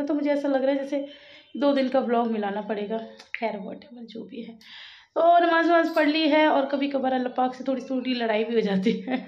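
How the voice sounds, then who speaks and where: An Indian mother chatting casually to her viewers in a home vlog, talking freely and laughing often, dropping soft and low when she turns reflective. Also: dull audio. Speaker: family vlogger, mother.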